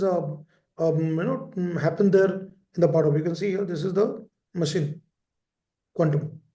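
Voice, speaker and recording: A man's voice: high voice, warm tone. A man, teaching a lecture class and often repeating key terms and checking in with "right?". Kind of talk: lecture for exam preparation. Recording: echoey room.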